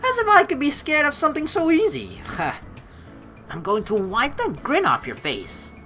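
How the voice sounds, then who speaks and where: A high-pitched woman's voice, sing-song and sharp, reads game narration at a measured pace. Doing a lighthearted let's play, she adds teasing jokes to the text. Game music can be heard in the background.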